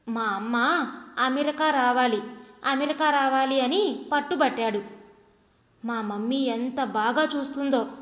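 A woman voicing a sharp-tongued young daughter-in-law who scolds with accusing questions, in a narrated audio story. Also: high voice, echoey room, big-room sound.

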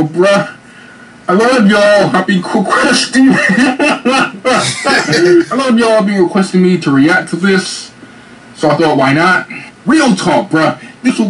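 A man doing an impression of a laid-back male YouTube horror reactor who talks in drawn-out slang. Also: sits high, distant mic, background noise, heavily acted. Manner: slangy, drawn-out casual talk.

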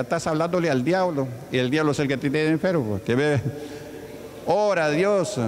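A man from Peru, a pastor with a Peruvian Spanish accent, preaching a testimony sermon with call-and-response cries. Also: mid-range voice. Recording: echoey church hall with faint background noise.

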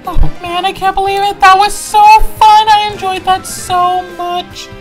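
A woman plays Mario, a jittery young racer who stammers and repeats himself over and over. His voice sits very high, and he frets aloud in a fan-made toy video. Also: little pitch movement, a little slow, soft background music. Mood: cheerful.

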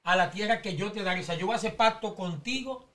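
High-voiced man explaining scripture. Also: quick pace, fairly bright tone. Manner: teaching, explains Bible stories step by step. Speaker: preacher in panel talk.

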